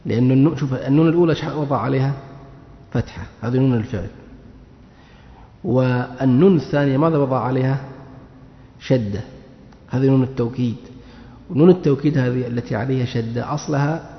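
A man's voice: medium pitch, quick pace, long pauses. A man teaching a grammar lesson, asking questions and answering them himself, repeating key words. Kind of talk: classroom lesson. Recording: muffled echoey hall recording.

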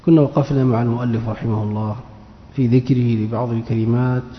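A man teaching a classical Arabic grammar lesson. He reads a text aloud slowly, then explains it. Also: medium pitch, steady tone. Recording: echoey hall, dull lo-fi sound.

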